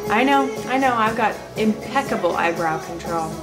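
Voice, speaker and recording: A young woman with a cold-roughened, raspy voice, chatting playfully as she gives a makeup tutorial. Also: medium pitch, animated, normal speed, distant mic, over loud music. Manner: chatty and playful, self-mocking asides. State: hoarse from a cold. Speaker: beauty vlogger. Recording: echoey room, voice a bit off-mic.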